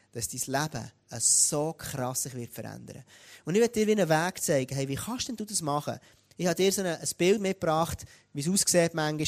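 A man with a Swiss German accent preaching a sermon, talking straight to the congregation in a lively way. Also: on the high side. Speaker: pastor.

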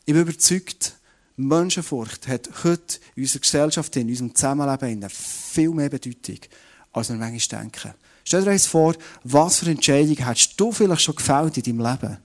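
A man's voice: medium pitch, lively intonation, brisk. A man with a Swiss German accent preaching a sermon, telling the story vividly and speaking to his listeners directly. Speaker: pastor.

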